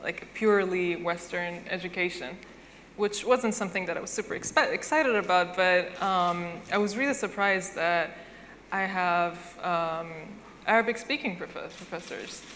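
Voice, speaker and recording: A woman's voice: fairly low pitch, normal speed, fairly bright tone, slight background noise. Hesitant young woman student. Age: young adult. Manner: grateful, hesitant, with many fillers. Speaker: panelist, student. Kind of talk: panel discussion. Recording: hall reverb with faint ambience.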